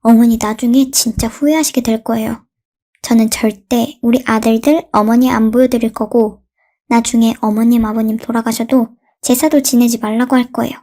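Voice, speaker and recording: A woman's voice: a little high, fairly even intonation, normal speed, warm tone, close to an everyday voice. A woman voicing a demanding young daughter-in-law in a read-aloud radio story. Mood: resentful. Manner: demanding, indignant.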